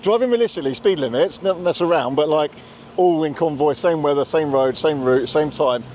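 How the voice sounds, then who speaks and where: A man's voice: fairly high pitch, brisk, darkish tone, slight background noise. A man with a South London accent hosting a casual car vlog, chatty and explaining things step by step, from inside a car and at a charging station. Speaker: vlog host.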